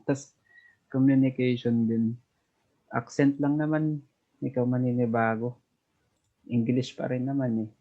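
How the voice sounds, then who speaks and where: A man's voice: mid-range voice, fairly even intonation. Easygoing Filipino man on a dull call. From Philippines. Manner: unhurried, easygoing storytelling. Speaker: guest, overseas worker. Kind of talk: casual chat.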